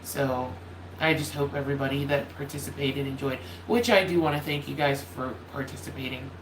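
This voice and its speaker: A YouTuber's fairly quick, steady, medium-pitched voice, nasal and slightly cracking, carries casual rambling chat on a holiday livestream. They apologize frequently and keep restarting after losing the thread. The audio has roomy echo and a faint hum from a loud space heater in the home room.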